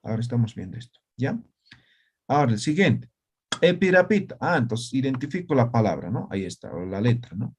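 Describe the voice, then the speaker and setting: A man with a mid-range, slightly mellow voice and lively intonation teaches an online Aymara writing class at a brisk pace, with slight background noise. He's patient, explaining step by step and frequently checking in with students by asking "right?".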